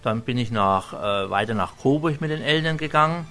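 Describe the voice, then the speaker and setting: A Franconian restaurant chef hesitates often as he rambles homely through a cooking demonstration, his Franconian German accent clear. His mid-range voice has lively intonation, a sharp tone and a moderate pace. Faint music sits behind him; he's from Franconia, Germany.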